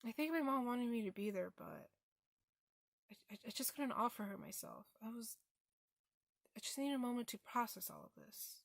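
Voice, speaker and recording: A young woman, a theatre student, performing a reflective monologue, halting and restarting as she talks. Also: on the high side, gravelly, no room sound, clean studio sound. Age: young adult.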